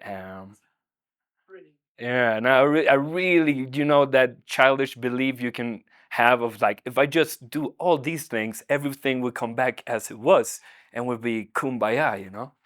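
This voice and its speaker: A man from Sweden, a nurse, speaking in a reflective documentary interview, searching for words with many pauses and fillers. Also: medium pitch, a bit bright, dry recording, studio quality.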